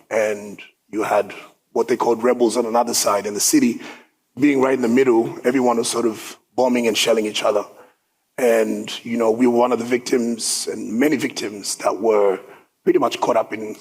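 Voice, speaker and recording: Upbeat man in his thirties, from South Sudan, husky tone at middle pitch, speaking casually to an event crowd. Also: steady tone, normal speed, low-quality recording. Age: 30s. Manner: upbeat, conversational, with filler words. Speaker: guest speaker. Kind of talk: personal story talk. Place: event hall.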